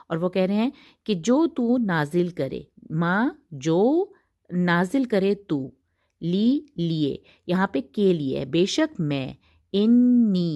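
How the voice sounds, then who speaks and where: Woman, Quran teacher, slow patient delivery, somewhat low voice, long drawn-out recitation. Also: warm tone. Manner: patient, drawn-out recitation of Arabic words between explanations. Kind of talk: tajweed lesson, explaining and reciting slowly.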